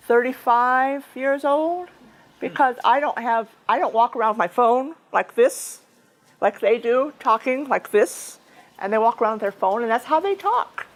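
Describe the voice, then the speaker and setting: A woman's voice: a little high, rough recording. A woman giving an informal, chatty speech at a club meeting, talking conversationally with frequent restarts and asides. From United States.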